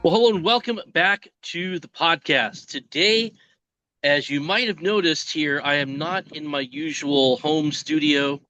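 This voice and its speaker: A man's voice: on the high side, a little slow, pushed and bright, soft background music, low-quality recording. A man hosting a podcast interview, chatting in a folksy, joking way from outdoors by a pond. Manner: folksy, joking, with frequent restarts. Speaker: podcast host. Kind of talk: casual interview chat.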